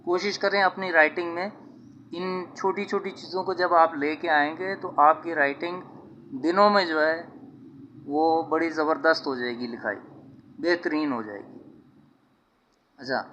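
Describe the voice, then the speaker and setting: Slow, bright-voiced man teaching letters. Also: fairly high pitch, lo-fi sound, slight background noise. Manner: patient, repeats letter sounds slowly, often says "theek hai". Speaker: Urdu writing teacher. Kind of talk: slide-based handwriting lesson.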